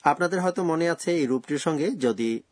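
Husky-voiced man presenting a lesson. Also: on the high side, animated, no echo, studio quality. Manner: slow, careful explaining of grammar rules. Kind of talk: scripted radio language lesson.

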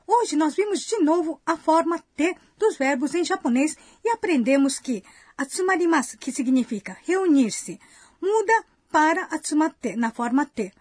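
A woman's voice: high-pitched, expressive, normal speed, darkish tone, no room sound, studio quality. A woman as a curious student co-host, asking questions in a scripted lesson. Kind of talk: scripted educational dialogue.

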